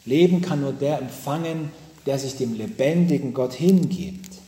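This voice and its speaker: A man preaching a sermon from the pulpit to his congregation, telling stories with dramatic pauses and emphatic repetitions. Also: medium pitch, animated, warm tone. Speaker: pastor. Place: church with pulpit. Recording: echoey church hall.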